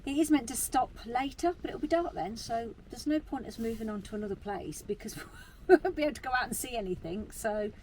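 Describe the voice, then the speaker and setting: A woman's voice: on the high side, expressive, a little fast, hardly any pauses, darkish tone. A British woman vlogging in casual, chatty talk full of informal slang. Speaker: travel vlogger. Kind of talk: casual chat to camera. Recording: noisy location sound with ambience.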